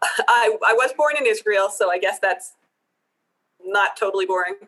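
A woman's voice: medium pitch, moderate pace, fairly bright tone, low-quality recording. A middle-aged woman from Wyoming, a program supervisor, answering interview questions in an upbeat, chatty way and laughing easily. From United States (Wyoming).

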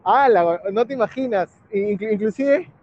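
A man with a Peruvian accent chatting casually, slangy and relaxed, laughing at his own stories. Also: high-pitched, moderate pace. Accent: Peruvian Spanish. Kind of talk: casual chat. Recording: muffled lo-fi with faint background hiss.

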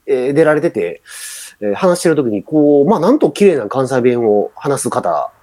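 A man's voice: medium pitch, very animated, normal speed, mellow. A middle-aged man with a Kansai accent, chatting casually as a podcast co-host and rambling with many fillers. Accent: Kansai Japanese. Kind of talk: casual chat.

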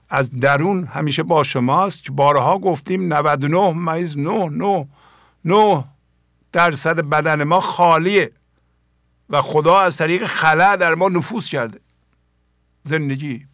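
A man's voice: fairly high pitch, gravelly, a bit bright, no room sound, clean studio sound. An older man, a spiritual teacher hosting his own program, giving an earnest talk on poetry and asking his listeners many pointed questions.

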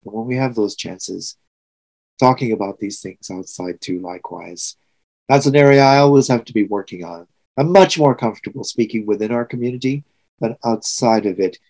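A man's voice: fairly low pitch, normal speed, darkish tone, poor audio. A sixty-year-old man from Trinidad and Tobago, preaching a sermon in an earnest, reflective way with emphatic swells. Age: 60s.

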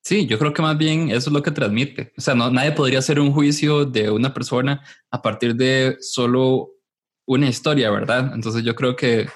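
A man's voice: mid-range voice, steady tone, moderate pace. A man, hosting an interview and reflecting thoughtfully, often restarting his phrases. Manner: thoughtful, restarts phrases while searching for words. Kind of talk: casual conversation.

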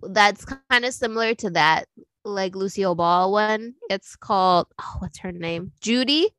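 A woman co-hosting a podcast, chatting casually about films and TV in a lively, animated way and laughing easily. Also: mid-range voice, a little slow, clear, resonant tone. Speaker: podcast co-host.

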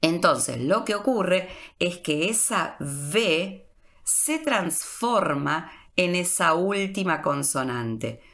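A woman's voice: fairly low pitch, animated, slow pace, creaky, a bit bright. A woman giving a radio language lesson. She patiently repeats each example word several times. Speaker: Hungarian language teacher.

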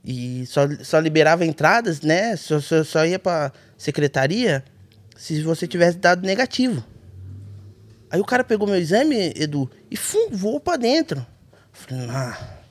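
Brief: Brazilian man, podcast guest, lively storyteller, slightly high voice. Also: a little slow. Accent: Brazilian Portuguese. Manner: animated, colloquial, acts out dialogue in his story. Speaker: podcast guest, rally navigator. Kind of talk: casual storytelling.

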